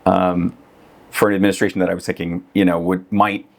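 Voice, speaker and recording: A man's voice: deep voice, little pitch movement, brisk, vocal fry. A middle-aged man, a real estate agent, talking casually as a podcast guest, with lots of fillers and frequent laughs. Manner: conversational, laughs often, many fillers.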